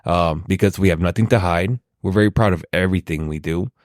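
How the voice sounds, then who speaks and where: A man's voice: sits low, fairly quick, no echo, clean studio sound. A man from a sales team speaking earnestly and proudly about how his team works. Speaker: inside sales team member. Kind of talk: casual chat.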